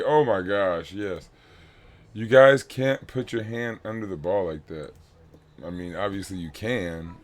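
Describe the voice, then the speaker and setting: With a fairly low voice, a man coaches youth basketball players through a film session. He's frank and instructional, driving home the key points by repeating them.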